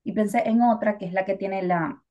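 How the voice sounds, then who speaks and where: A woman's voice: mid-range voice, brisk, dark tone, highs cut off. A Venezuelan woman co-hosting a podcast, talking in a chatty, reflective way with lots of fillers. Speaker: podcast co-host. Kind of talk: casual podcast chat.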